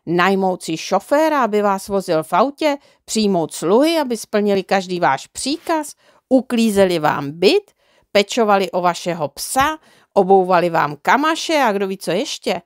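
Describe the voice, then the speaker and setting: Woman doing a sly smooth-talking swindler. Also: medium pitch, big pitch swings, no room sound, clean studio sound, close to an everyday voice. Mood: persuasive.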